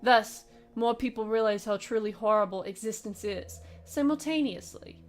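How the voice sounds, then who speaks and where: A woman reading the lines of a stern, formal male aide in a game, in a measured, lecturing way. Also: fairly high pitch, soft background music, close to an everyday voice. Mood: grave. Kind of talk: reading game dialogue aloud.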